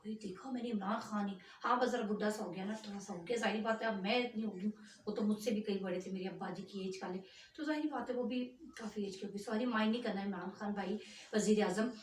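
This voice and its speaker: An older woman from Punjab, telling a long rambling story in a chatty, animated vlog. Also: medium pitch, fast talker, far from the mic, slight background noise. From Punjab, Pakistan. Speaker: vlogger. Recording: echoey room, voice from afar, faint ambience.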